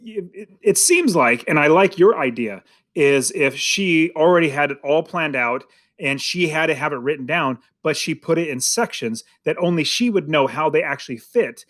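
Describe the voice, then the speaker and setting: A man's voice: on the high side, animated, moderate pace, fairly bright tone. A man co-hosting a podcast, chatting casually about a movie in a rambling way with many restarts. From United States. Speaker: podcast co-host. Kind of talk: casual film review chat.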